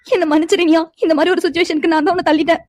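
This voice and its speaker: A woman's voice: very high voice, little pitch movement, racing, a little mellow, dry recording, studio quality. A woman voicing an earnest, emotional young woman in a cartoon, an older-sister figure who speaks gratefully. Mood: tearful. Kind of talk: animated cartoon dialogue.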